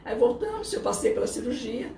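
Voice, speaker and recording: A middle-aged Brazilian woman with a slightly high, gravelly voice that stays rough after vocal cord damage. She tells her story in an animated way, laughing often and dotting it with tag questions. She sounds roomy and set back from the mic, over a faint hiss. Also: brisk, distant mic. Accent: Brazilian Portuguese. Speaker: pastor, interview guest. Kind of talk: casual testimony in conversation.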